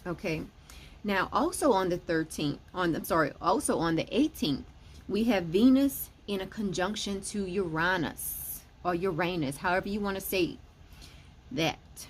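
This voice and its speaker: A woman's voice: medium pitch, animated, normal speed, slight background noise. A woman giving a casual weekly astrology and tarot forecast, explaining each point and often saying "okay" between them.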